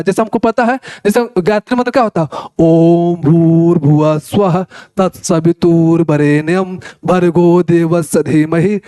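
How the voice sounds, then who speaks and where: High-voiced chatty male Sanskrit teacher. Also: no echo, clean studio sound. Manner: chatty, keeps asking "है ना" and addressing listeners as "भाई साहब"; repeats words while explaining. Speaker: Sanskrit teacher for Ayurveda students. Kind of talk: casual explanatory lecture.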